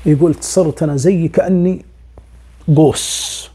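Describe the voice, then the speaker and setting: A man's voice: on the high side, measured pace, breathy edge. A man telling a spooky tale, acting out dialogue and sometimes dropping to a whisper. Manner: lively, acts out dialogue, drops to whispers. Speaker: storyteller. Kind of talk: oral storytelling of a spooky tale.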